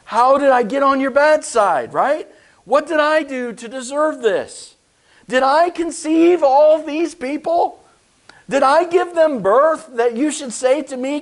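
Man playing a fed-up old prophet, whiny and pleading, pitched high. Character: exasperated whining old prophet leader.

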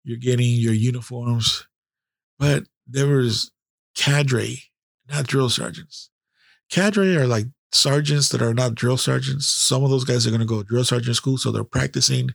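A man's voice: mid-range voice, measured pace, creaky, no room sound, studio quality. A man hosting a podcast who tells blunt, heavily profane personal stories and laughs at himself. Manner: self-deprecating, with frequent restarts. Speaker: podcast host. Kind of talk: candid personal storytelling.

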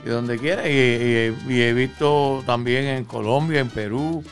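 An older man tells stories as a radio guest. He takes his time, pausing often and filling the gaps, his voice at an ordinary pitch over faint salsa music. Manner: relaxed, hesitant storyteller with many fillers. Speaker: guest singer. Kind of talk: telling anecdotes.

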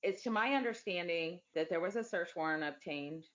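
A woman being interviewed, giving an unscripted account in a plain, deliberate, factual way. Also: fairly low pitch, animated, a bit bright, muffled recording.

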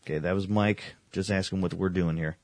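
A man's voice: low-pitched, fairly even intonation, a little fast, darkish tone, no room sound. A man hosting a paranormal radio show, talking casually. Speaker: host of a paranormal radio podcast.

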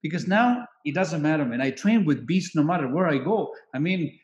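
A man in his late forties talking casually on a podcast, relaxed and chatty, often adding "man". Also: a little high, brisk, roomy sound, muffled recording. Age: 40s.

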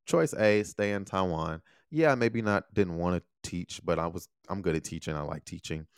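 A young man hosting his own podcast, talking straight to his listeners in a casual, animated monologue full of questions. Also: low voice, normal speed, clear, resonant tone, dry recording, clean studio sound. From United States. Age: young adult. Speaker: podcast host.

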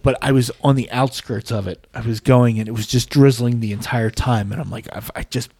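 A man's voice: mid-range voice, steady tone, brisk, a little mellow, slightly rough, no room sound. Man, podcast co-host, casual storyteller, self-mocking, dry mic. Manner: rambling anecdotes with self-mocking humor. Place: podcast studio.

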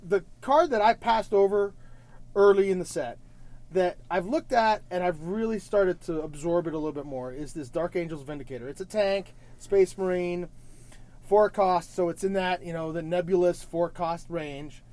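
A man's voice: high voice, normal speed, a little mellow. A man co-hosting a podcast, steering the chat back to the topic and explaining it casually. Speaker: podcast co-host.

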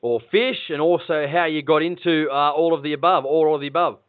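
A man's voice: fairly high pitch, fairly even intonation, a little fast, no room sound, narrow, tinny audio. A man with an Australian accent hosting a hunting podcast, talking casually with lots of fillers. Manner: laid-back, filler-heavy, friendly. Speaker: podcast host.

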